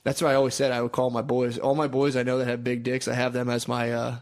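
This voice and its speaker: A young man trading crude, excitable banter with a friend, laughing often as he talks. His voice sits in an ordinary middle pitch for a man. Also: quick pace. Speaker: podcast co-host. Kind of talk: casual chat.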